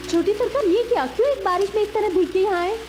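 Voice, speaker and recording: A woman's voice: very high voice, fast talker, over music. An eager, sweet young woman.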